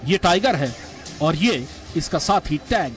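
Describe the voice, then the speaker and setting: A man's voice: a little high, lively intonation, slow pace. A man reading scripted documentary narration as the narrator. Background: music.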